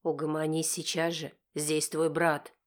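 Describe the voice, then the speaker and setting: A woman reading an audiobook, voicing a cold, furious middle-aged father with gruff, threatening speech. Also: sits low, steady tone, moderate pace, pitched below the performer's own voice. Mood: angry. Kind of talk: audiobook character voice.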